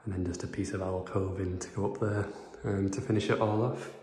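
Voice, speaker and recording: A warm, low voice with a level tone comes from a young man in his twenties who talks fairly quickly. As a property renovation vlogger, he gives a chatty house tour that rambles with plenty of fillers, indoors in an empty house under renovation. His phone camera starts handheld and ends up propped up, and the bare rooms make everything echo.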